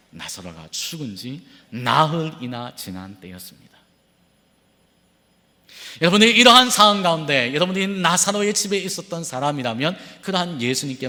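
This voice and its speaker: A man preaching a sermon as pastor, emphatic and full of rhetorical questions. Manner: emphatic, swinging between loud urging and low intensity. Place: church sanctuary. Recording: long church hall reverb.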